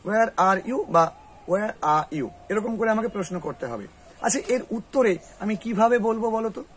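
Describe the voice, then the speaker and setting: A man with a Bengali accent teaching spoken English, quizzing a student patiently and repeating phrases slowly. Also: high-pitched, animated, a bit bright, a little hiss or hum. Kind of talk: classroom lesson.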